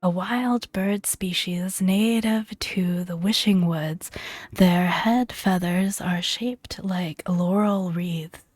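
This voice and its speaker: Speaking in a hushed, breathy near-whisper, this gaming ASMR creator narrates at a very slow pace, her delivery gentle and soothing. Her voice is lowish, and the close, dry recording has no echo, with faint music playing underneath.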